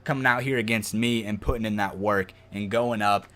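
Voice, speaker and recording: A man giving casual commentary as he plays a football video game, breaking into excited, loud outbursts at the plays. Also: on the low side, brisk. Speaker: gaming video host.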